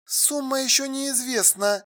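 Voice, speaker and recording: A reader doing a sharp, exasperated woman. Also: sits high, normal speed, voice pushed up. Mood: curt. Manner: insistent, sharp, then drained and flat. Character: exasperated adult woman on the phone. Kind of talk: audiobook dialogue.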